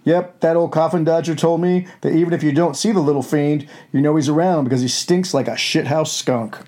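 A man puts on a wolfman hosting a campy horror show. The voice is dark and mellow, a little raised in pitch. He tells gleefully crude tales in a hammy, scripted way. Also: brisk, close to an everyday voice. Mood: gleeful, ghoulish. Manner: hammy, alliterative, storytelling.

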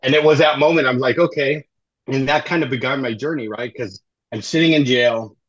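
A man's voice: mid-range voice, fairly quick, a bit bright, no echo. Chatty middle-aged man telling his story. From Southern California. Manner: conversational, keeps tagging lines with "right?". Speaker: guest, life coach. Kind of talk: storytelling interview. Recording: dull, slightly lo-fi dry audio.

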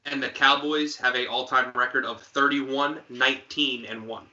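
Podcast co-host, man, very bright tone, dull lo-fi sound, casual sports banter. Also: mid-range voice, steady tone. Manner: quizzing, joking, quick asides.

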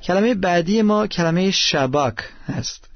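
A man teaching about worship in an earnest manner, pausing as he lists words. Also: high-pitched, animated, music in the background. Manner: earnest, listing words with pauses. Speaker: preacher. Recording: dry, dull lo-fi recording.

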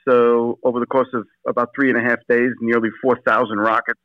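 Speaking briskly in a mid-range voice with a level tone, the assistant pastor answers an interviewer by phone. He's hesitant, full of fillers and restarts, and the dull lo-fi line sounds dry, with no echo.

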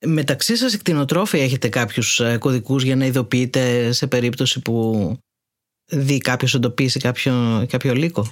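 Curious male interviewer. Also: medium pitch. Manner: curious, short follow-up questions. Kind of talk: interview questions.

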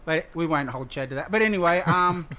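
A man's voice: a little high, expressive, a little fast, bright, forceful tone, slight background noise. A man with an Australian accent hosting a casual sports interview in an informal, chatty way. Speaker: interviewer, host.

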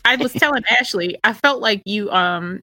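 A woman's voice: mid-range voice, expressive, normal speed, sharp tone, dry recording, faint music behind. A woman co-hosting a casual podcast chat, rambling a little and restarting her sentences as she thinks aloud. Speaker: co-host, physician.

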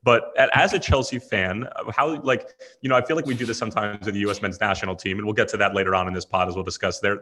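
Male podcast host, rapid sports talk in a lowish register. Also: a bit bright.

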